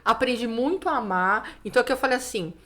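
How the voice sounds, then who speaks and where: Paulista woman pastor telling her testimony, bit high voice, acts out the dialogue, says né a lot. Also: quick pace. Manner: lively storyteller who acts out dialogue, many "né" fillers. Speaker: pastor, guest. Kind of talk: personal testimony in casual interview.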